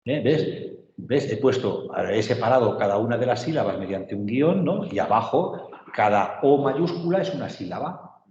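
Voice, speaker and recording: A male teacher talks his class through a lesson, pausing to check they understand. His voice sits mid-range. The room rings with a long echo, and the sound is dull and muffled. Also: mid-range voice, animated, a little mellow. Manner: patient, checks understanding with frequent tag questions. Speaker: literature teacher. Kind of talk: online class lecture. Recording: echoey, roomy, dull sound.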